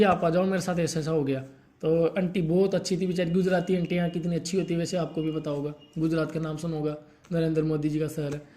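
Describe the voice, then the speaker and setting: A young man telling a painful personal story in a halting, grief-stricken way, stopping often to soothe someone beside him. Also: a little high, mellow. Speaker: vlogger telling his story.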